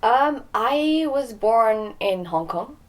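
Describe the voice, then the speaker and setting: A young woman from Nepal, appearing as a podcast guest, speaks slowly in a fairly high, animated voice. In this casual interview talk she sounds hesitant, says um often and mixes in some Nepali phrases.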